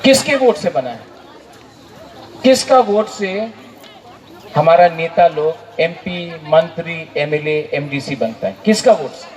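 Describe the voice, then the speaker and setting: A man's voice: fairly high pitch, slow pace, darkish tone, some chatter behind, rough recording. A man giving a fired-up rally speech, repeating phrases and firing off rhetorical questions. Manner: impassioned, repetitive, rhetorical questions. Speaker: political leader addressing a rally.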